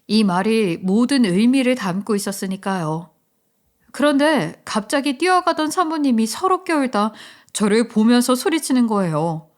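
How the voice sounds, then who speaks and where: A woman reading a story as the narrator, in a soft, confiding way. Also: a little high, sing-song, moderate pace.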